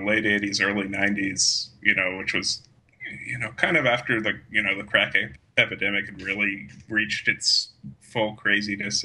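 A man with a fairly low, husky voice that still sounds bright and forceful. He rambles casually through a film discussion, leaning on lots of fillers and laughing often. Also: poor audio. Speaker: podcast co-host.

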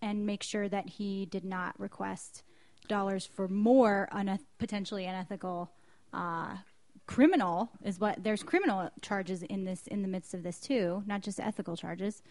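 A woman's voice: mid-range voice, steady tone, moderate pace, darkish tone. A woman co-hosting a news podcast, speaking earnestly and often correcting herself mid-sentence. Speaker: podcast co-host. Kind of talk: casual news chat.

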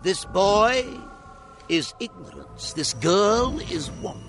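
An actor playing a grand, solemn ghost in a radio drama, declaiming with urgent, rebuking oratory. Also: male voice, high voice, sing-song, takes it slowly, fairly bright tone, exaggerated voice. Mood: grave, warning. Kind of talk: theatrical radio drama acting. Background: music.

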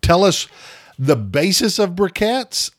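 A man hosting a podcast, asking casual, brisk questions. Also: high voice, big pitch swings, dry recording, studio quality. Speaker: podcast host. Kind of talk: casual interview.

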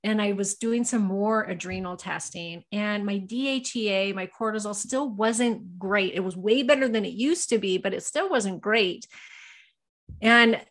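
A woman's voice: mid-range voice, measured pace. A woman guest on a podcast, telling her personal story candidly and casually. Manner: candid, personal storytelling with frequent "you know". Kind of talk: casual interview talk.

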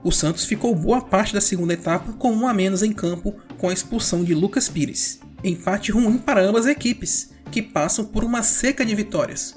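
A woman's voice: medium pitch, normal speed, few pauses, a little mellow. A Brazilian woman hosting a football show, narrating a scripted round-up of results. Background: music bed.

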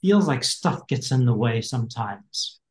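Mid-range, animated, and a little mellow, this unhurried man from the United States is in his fifties and works as an executive coach. As a guest in a casual interview, he speaks reflectively, often restarting and using fillers, with a roomy echo on the sound.

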